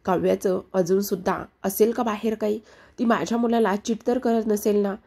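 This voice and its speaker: A woman's voice: medium pitch, steady tone, moderate pace, creaky, dark tone, slightly rough. A woman reading a worried, suspicious mother-in-law. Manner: anxious, brooding. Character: worried mother-in-law, doubtful of her son's wife.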